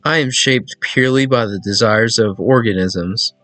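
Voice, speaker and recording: A man's voice: mid-range voice, a bit bright, no echo, faint music behind, lightly acted. A man reading as a teasing ancient eldritch entity woman. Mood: solemn. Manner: coy, teasing, unhurried.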